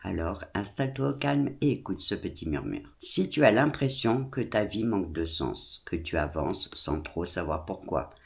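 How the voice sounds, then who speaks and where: A man with a very low, gravelly voice speaks in an intimate, hushed murmur. He delivers a scripted, soothing bedtime monologue, gently, as if to one listener. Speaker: host of a short bedtime self-reflection series.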